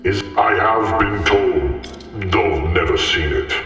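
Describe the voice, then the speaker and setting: Game role: cryptic, smug data informant acted by a man, extremely deep and deliberate, drenched in reverb. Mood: cryptic, musing. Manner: musing, deliberate. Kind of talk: video game character acting. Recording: echoey long reverb with music. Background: music.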